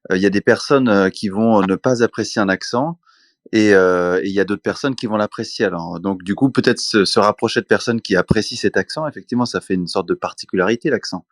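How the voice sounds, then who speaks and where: A man adding his opinion in an online audio room, speaking in a measured way with many fillers. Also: on the low side, no echo, studio quality. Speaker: participant.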